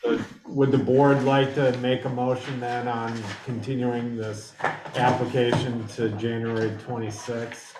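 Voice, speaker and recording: A man chairing a town planning board meeting, calling votes in a slow, procedural way. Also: medium pitch, little pitch movement. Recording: echoey room with background noise.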